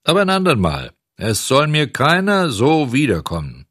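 A man voicing a gruff, fearsome but soft-hearted puppet-theatre director while reading a storybook aloud. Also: mid-range voice, wildly swooping pitch, moderate pace, no room sound, studio quality, pitched above the performer's own voice. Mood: grudging.

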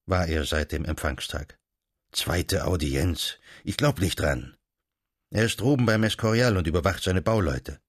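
A man reading a literary story aloud, with measured storytelling and softly voiced dialogue. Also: fairly low pitch, no room sound, clean studio sound. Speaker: narrator.

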